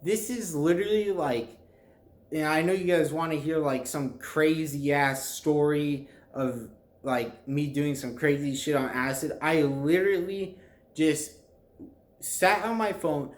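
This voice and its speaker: A young man chatting casually to viewers in a halting, rambling way, often groping for words. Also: fairly high pitch. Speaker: vlogger telling a personal story. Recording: echoey, reverberant room.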